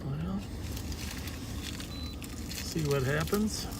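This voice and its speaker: Casting: American male cop, higher-pitched voice, casual in-car chat as dashcam audio over loud engine and road noise. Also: extremely slow. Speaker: law enforcement officer on patrol. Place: inside a moving patrol car. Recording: loud vehicle noise, mic at a distance.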